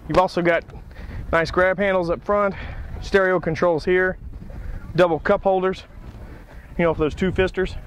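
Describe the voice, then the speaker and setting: A man's voice: high voice, fairly even intonation, normal speed, pauses often, a little hiss or hum. A man hosting a boat dealer's video, giving an upbeat, salesy walkthrough of a boat. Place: outdoors at a marina on a boat.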